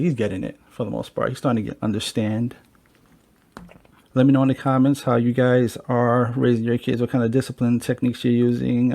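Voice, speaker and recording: A man with a gravelly, creaky edge hosts a casual podcast. He chats loosely, swears freely and speaks straight to his viewers. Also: medium pitch, dark tone. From United States. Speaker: podcast host. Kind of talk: casual chat.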